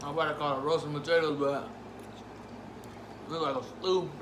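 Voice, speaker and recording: A man's voice: a little high, level tone, moderate pace. Casual man reviewing food, echoey noisy room. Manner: informal, savoring with frequent appreciative mm sounds. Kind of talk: casual food review vlog, eating while talking. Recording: roomy, echoey, clearly noisy home recording.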